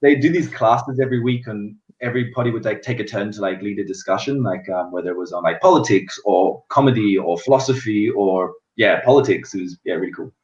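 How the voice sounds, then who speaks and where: A man's voice: on the low side, fairly quick, few pauses, a little mellow. A young Australian man telling personal stories in casual chat, in a distant, echoey recording. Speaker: guest. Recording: echoey, distant, dull sound.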